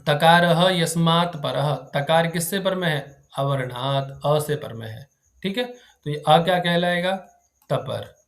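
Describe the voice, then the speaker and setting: A man's voice: on the high side, slow pace. A man teaching Sanskrit grammar to a live class, who quizzes his students and keeps checking whether they have understood.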